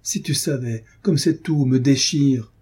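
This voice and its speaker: A man's voice: medium pitch, unhurried, mellow, slightly rough, pitched above the performer's own voice. A man voicing a frail, devoted young duchess in an audiobook, speaking in a pleading, heartfelt way. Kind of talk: audiobook character reading.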